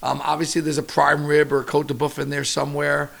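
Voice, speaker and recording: Gravelly middle-aged chef telling stories. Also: male voice, fairly high pitch, fast. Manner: animated storyteller, casual and profane. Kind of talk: casual interview chat.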